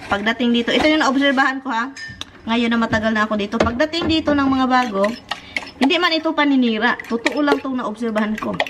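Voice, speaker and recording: A woman's voice: fairly high pitch, fast talker, noisy background. A middle-aged woman from the Philippines with a Visayan accent, chatting casually and giggling as she vlogs at home. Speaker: vlogger. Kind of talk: casual chat to camera.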